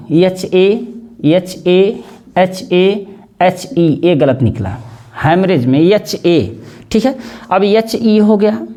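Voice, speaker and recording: Slow, patient Hindi-accented teacher. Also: male voice, high voice, mellow. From India. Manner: slow, repeats each word and spells it letter by letter. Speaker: English spelling teacher. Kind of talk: spelling lesson, explaining word by word.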